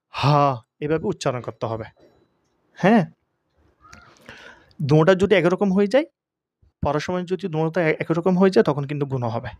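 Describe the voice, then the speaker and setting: A man teaches Arabic letter pronunciation at a very slow, deliberate pace, holding each sound long. His voice sits slightly high for a man. The recording is dry and close, with no room echo. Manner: drawn-out demonstration of each letter. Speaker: Quran recitation teacher.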